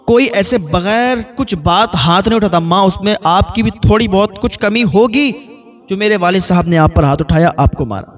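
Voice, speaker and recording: A pious young scholar son speaks with soft, patient calm, voiced by a man in a sermon. His voice sits fairly high, and the dull lo-fi recording carries faint music. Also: lightly acted.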